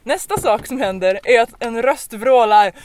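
A woman's voice: on the high side, slight background noise. Chatty woman telling an anecdote. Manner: lively, chatty, with many fillers and restarts. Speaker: podcast host. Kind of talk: casual anecdote storytelling. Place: podcast recording.

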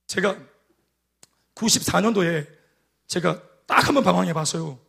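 A male pastor with a Gyeongsang accent preaching a sermon, telling animated stories and acting out the quotes. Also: high voice, normal speed, creaky. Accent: Gyeongsang dialect. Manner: animated storytelling with acted-out quotes.

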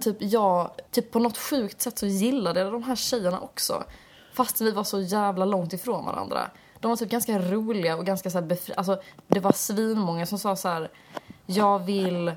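A young woman in casual chat, telling stories with animated acted-out quotes. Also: mid-range voice. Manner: animated storytelling, acts out quoted voices.

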